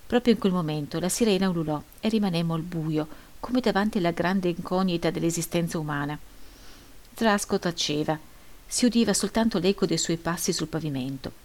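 A woman narrating first-person literary prose as an audiobook reader, with a measured, steady delivery. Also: low-pitched.

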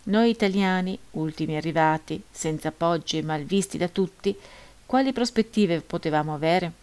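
A woman reading a first-person memoir aloud in a measured, grave, solemn manner. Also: fairly low pitch, darkish tone, clear, resonant tone. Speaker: audiobook reader.

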